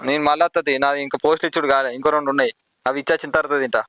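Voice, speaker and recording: A man playing a fast-talking young village postman. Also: a little high, steady tone, fairly bright tone, dry recording, natural voice, poor audio. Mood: curt. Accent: Telangana Telugu. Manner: pleading, defensive, quick to anger. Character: young male village postman, anxious about honour. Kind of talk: village drama acting.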